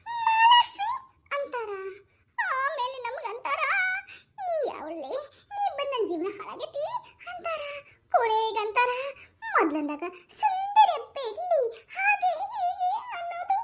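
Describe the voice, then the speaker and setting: A woman's voice: very high voice, heavy background noise, exaggerated voice. A woman doing a wailing young wife in North Karnataka dialect. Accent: North Karnataka Kannada. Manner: wailing, sobbing theatrically while joking. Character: young wife, melodramatic, fake-crying about in-laws. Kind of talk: comic skit dialogue.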